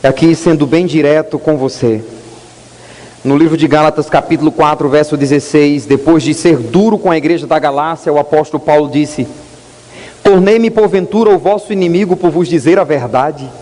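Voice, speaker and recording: A male pastor preaching an earnest sermon in a church, stressing words slowly. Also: on the high side, dark tone. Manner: earnest preaching, rising emphasis and slow drawn-out stresses. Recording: long hall reverb.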